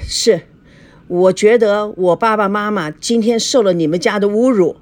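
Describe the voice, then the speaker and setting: A woman's voice: medium pitch, normal speed, a little mellow, natural voice. A woman voicing a young male fiancé who argues indignantly and angrily, in a storybook reading. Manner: indignant, angry. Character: young male fiancé, proud and quick-tempered.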